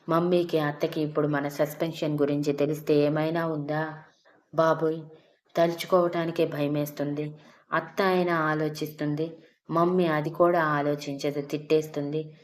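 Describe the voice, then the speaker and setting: A timid, anxious young woman, as a woman reads her, in a storybook. Low voice, little melody. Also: little pitch movement, moderate pace, natural voice. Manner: nervous.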